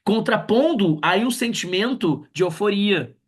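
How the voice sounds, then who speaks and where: A man's voice: high-pitched, lively intonation, measured pace, slightly rough. A man giving a livestreamed literature lecture, reading poems aloud and checking in with tag questions. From Brazil. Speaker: literature teacher.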